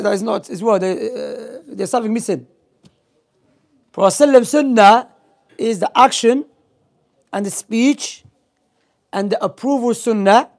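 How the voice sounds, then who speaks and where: A young religious teacher with a voice that sits high and has a darkish tone is giving an informal Islamic lesson. He tells stories and asks quiz questions in non-native English laced with Arabic terms. He's in a small library room, close to a gooseneck microphone.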